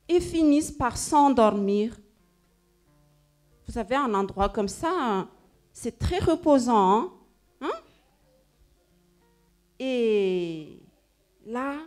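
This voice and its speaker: A woman at a church service telling a story to children in an animated way, often stopping to ask them questions. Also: a little high.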